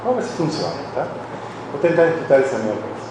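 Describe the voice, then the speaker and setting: A man's voice: medium pitch, sing-song, quick pace. Man lecturing in a very echoey hall. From Argentina. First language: Spanish. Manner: reflective and confessional, with frequent restarts. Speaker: conference speaker, philosophy professor. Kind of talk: personal academic lecture. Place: university conference hall. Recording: very echoey hall, voice from a distance, audible background noise.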